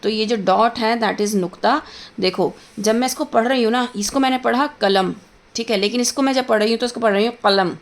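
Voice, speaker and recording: A woman's voice: on the high side, steady tone. Patient woman teacher explaining grammar. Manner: patient, repeats words slowly and checks in with "theek hai"; mixes English words into Hindi. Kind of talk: explaining Hindi grammar lesson.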